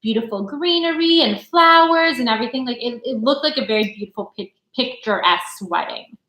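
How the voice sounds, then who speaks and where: Bubbly young woman cohost, bright sharp voice, says like a lot, echoey room. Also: a little high, animated, a little fast. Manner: bubbly, giggly, lots of "like". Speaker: podcast co-host. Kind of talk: casual chat.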